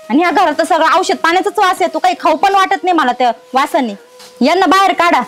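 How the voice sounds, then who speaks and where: A sharp-tongued young daughter-in-law, played by a woman, ranting fast in a very high, piercing voice. She spits scorn and complaint at her in-laws in a village family drama. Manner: scolding, contemptuous rants.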